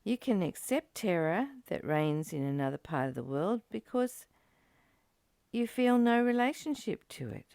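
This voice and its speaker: A woman leads a study of a course text as a spiritual teacher, reading aloud and reflecting earnestly and emphatically, using rhetorical questions and repeated phrases. Her lowish voice swings widely in pitch, is a little mellow, and carries vocal fry at a measured pace. The recording is clean studio sound with no echo.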